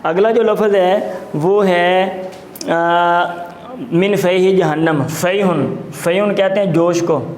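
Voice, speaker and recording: Man, teacher, fairly high voice, repeats each term slowly, echoey classroom, faint hum. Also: steady tone, a little mellow. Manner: explains words slowly, repeating terms, mixes in Punjabi asides. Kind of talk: classroom lecture explaining vocabulary.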